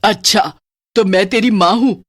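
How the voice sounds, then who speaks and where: A woman's voice: medium pitch, a little slow, lightly acted. A woman voicing a scornful, menacing female witch spirit who talks down harshly and mockingly.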